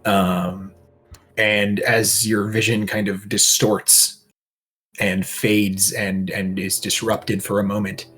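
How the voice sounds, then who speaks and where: A man narrating as game master of a tabletop game, in halting, descriptive speech with many restarts. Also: fairly low pitch, little pitch movement, fairly bright tone, husky.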